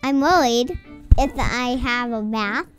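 Woman doing a high, pouting little princess. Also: slow pace, soft background music. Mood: pleading. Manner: pouting, pleading. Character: stubborn little girl princess, grumpy.

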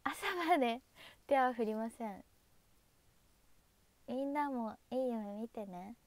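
A woman's voice: a little high, slow, a little mellow. A young woman chatting casually on a livestream, thanking viewers by name and saying goodnight. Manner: chatty, reads viewer names and thanks them, waves goodbye. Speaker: idol livestreamer.

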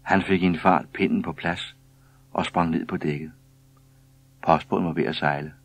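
A man narrates a children's story in a calm, even way. His voice sits very low and a little husky. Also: dry recording. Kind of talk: scripted children's story reading.

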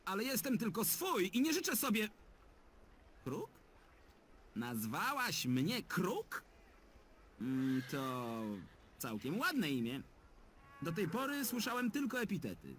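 A man's voice: high-pitched, huge pitch swings, takes it slowly, long pauses, fairly bright tone, slight background noise, exaggerated voice. An actor voicing a sarcastic, sulky talking male bird in a dubbed adventure game. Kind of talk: game dub voice acting.

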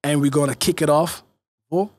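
A young man with a slightly husky, somewhat high voice tells a story as a guest on a chatty podcast. He acts out what people said and slips English phrases into his storytelling. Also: steady tone, normal speed, a little mellow, no echo. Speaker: podcast guest, choreographer and show director. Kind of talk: animated anecdote-telling in casual chat.

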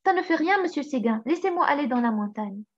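A woman voicing a stubborn, polite young female goat in a storybook reading, gently insistent. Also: high voice, lively intonation, fast. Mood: pleading. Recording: slightly dull recording.

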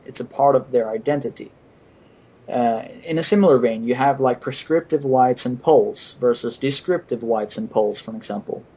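Male podcast host, husky voice, hesitant delivery with many restarts. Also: medium pitch, darkish tone. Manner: hesitant, halting, frequent restarts. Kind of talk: casual podcast discussion.

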